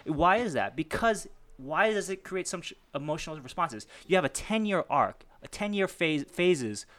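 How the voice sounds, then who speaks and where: Animated rambling young man debating. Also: a little high, moderate pace. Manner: rambling, swears freely, acts out reactions in quoted voices. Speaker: debater arguing the pro side. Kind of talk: animated casual debate talk.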